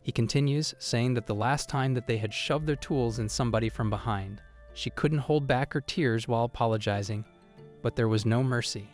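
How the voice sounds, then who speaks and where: A man narrating a manga recap in a steady, reported-speech storytelling manner. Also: mid-range voice, normal speed, faint music behind.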